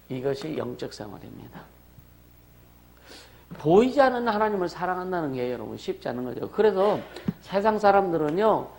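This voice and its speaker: A man's voice: a little high, a little mellow. A male pastor preaching a sermon in a conversational way, asking the congregation questions and calling for amens. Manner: conversational preaching with rhetorical questions and calls for amen.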